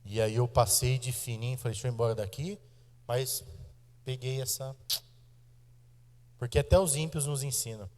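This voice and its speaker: A Brazilian man in his thirties preaching a sermon in a church, his mid-pitched voice carrying a long reverb tail from the hall. He talks straight to the congregation, pressing points hard, stretching some phrases slowly and rushing others. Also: steady tone, a little mellow. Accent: Brazilian Portuguese. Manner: emphatic preaching with shifts of pace, direct address to the congregation. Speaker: pastor. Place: church sanctuary.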